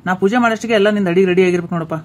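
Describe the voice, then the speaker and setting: A man's voice: high-pitched, very fast, natural voice. A man voicing a hungry, short-tempered older husband in a comic cartoon, speaking with a North Karnataka Kannada accent and barking impatient orders.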